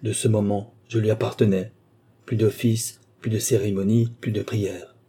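A man's voice: on the low side, little pitch movement, moderate pace, warm tone, husky. A man reading the part of a distraught young woman who urgently recounts her abduction, in an audiobook. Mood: haunted. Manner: urgent, dramatic first-person telling.

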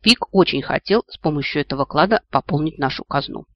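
A man's voice: on the high side, brisk, dry recording. A man reading a first-person fantasy audiobook with wry, ironic asides. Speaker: audiobook narrator. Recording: dull lo-fi, dry.

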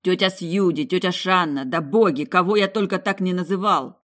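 A woman's voice: fairly low pitch, moderate pace, fairly bright tone, lightly acted. Woman reading a sulky grown son. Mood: sulky, protesting. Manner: grumbling, then soothing. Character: grown son, sulky, gentle with his mother.

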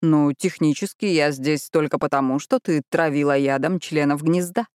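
A woman's voice: low-pitched, normal speed, no echo, close to an everyday voice. A cool mocking male vampire, read by a woman. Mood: dry. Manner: quiet, dry, smirking.

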